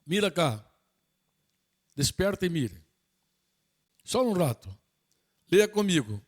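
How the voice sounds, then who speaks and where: High-voiced man preaching a sermon. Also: big pitch swings, slow pace. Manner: mixes Portuguese and Spanish, emphatic repetitions.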